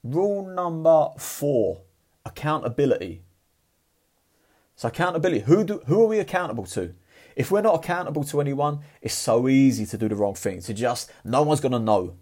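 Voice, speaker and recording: A man's voice: on the high side, animated, moderate pace, a little mellow. A man giving a blunt, profane motivational talk in a casual, fired-up way. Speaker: motivational vlogger.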